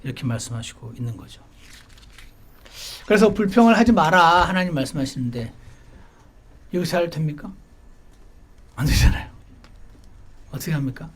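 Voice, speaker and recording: A man's voice: medium pitch, expressive, moderate pace, pauses often, breathy edge. A male pastor preaching a sermon in a conversational way, acting out quoted voices with humor. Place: church service.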